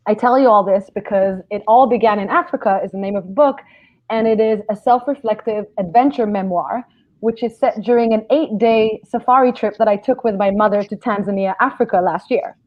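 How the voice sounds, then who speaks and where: A woman in her thirties, born in Israel and raised in London, eagerly pitching her memoir over a video call. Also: brisk. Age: 30s. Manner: eager, talkative, lively storytelling. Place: home room, seated in a chair. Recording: dull lo-fi video call audio.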